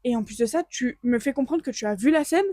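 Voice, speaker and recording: A young woman tells embarrassing stories on a podcast in an expressive, chatty way. Her voice sits a little high, and the sound is dry and close to the mic. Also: fast talker, no echo. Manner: expressive storyteller, quotes people in her stories. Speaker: podcast co-host. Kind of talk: casual chat.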